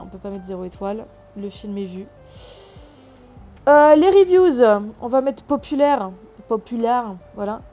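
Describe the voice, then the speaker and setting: Sarcastic woman ranting about a movie, slangy and animated, bit high voice, faint music behind. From South America. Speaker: film reviewer. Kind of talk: casual vlog commentary.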